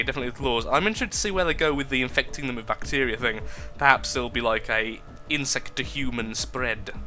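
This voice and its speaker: Playing through a game, a young man offers relaxed, joking commentary for his video and reads out whatever text appears on screen. He speaks in a mid-range voice that sounds pushed and bright.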